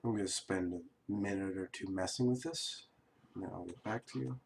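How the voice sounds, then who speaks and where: A man who is sick and coughing, casually talking through a software tutorial at his computer, rambling and correcting himself with fillers. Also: low voice, normal speed, gravelly, a little hiss or hum. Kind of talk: casual screen-recorded tutorial.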